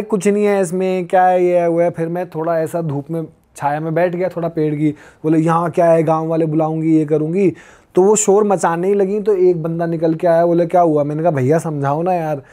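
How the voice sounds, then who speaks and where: A man in his twenties from Uttar Pradesh, a podcast guest telling a story casually and acting out the lines people said to him. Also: fairly high pitch. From Uttar Pradesh, India. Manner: lively retelling that acts out quoted dialogue. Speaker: podcast guest, long-distance pilgrim walker.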